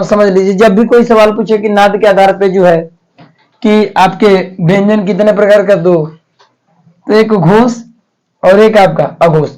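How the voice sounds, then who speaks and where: A man's voice: high voice, rough recording. A man teaching a grammar lesson for exam prep in a chatty, repetitive way, asking and answering his own questions. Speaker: Hindi teacher.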